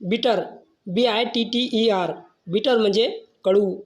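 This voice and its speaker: Teacher voice, very slow and deliberate, spells words out letter by letter, mid pitch. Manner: slow, measured, spells each word then gives its meaning.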